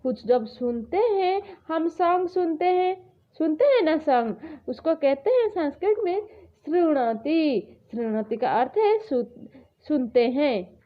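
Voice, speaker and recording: A woman teacher explaining words to schoolchildren in an online lesson, repeating each meaning slowly and mixing in English words. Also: high-pitched, very animated, muffled recording. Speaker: Sanskrit teacher.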